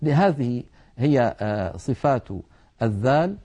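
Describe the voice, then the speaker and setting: A middle-aged man with a dark, mellow tone teaches Quran recitation. He talks at a measured pace, explaining step by step and sounding out individual letters so learners can copy them. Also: medium pitch, animated. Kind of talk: televised tajweed lesson.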